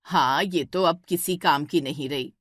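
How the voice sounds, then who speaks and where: A scolding middle-aged mother-in-law in a cartoon story, played by a woman. Her voice sits low and the sound is dry and close. She fires sharp, impatient questions. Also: unhurried, dry recording.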